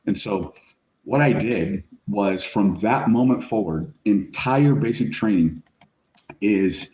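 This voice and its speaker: Middle-aged male guest, storyteller, slangy and animated, warm dark tone, roomy sound. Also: on the low side, slow pace. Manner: animated, slangy, says "like" and "bro" often. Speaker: guest, fire service chief officer. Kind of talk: casual storytelling in podcast interview. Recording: roomy echo.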